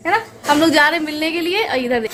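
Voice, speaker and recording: A woman's voice: high-pitched, animated, fast. A young woman vlogging casually about her family, playful and chatty with a small child.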